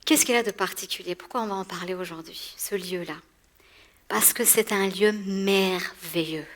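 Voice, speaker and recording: A woman from Iran in her forties preaching a sermon in a church to a women's gathering, animated, laughing often and repeating words as she goes. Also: medium pitch, normal speed. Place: church hall.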